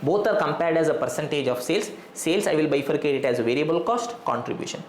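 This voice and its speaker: A man's voice: fairly high pitch, expressive, quick pace. A man with a South Indian accent lecturing students in colloquial Indian English, often stopping to check that they follow. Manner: frequent check questions to students. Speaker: accounting teacher. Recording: echoey room, faint background noise.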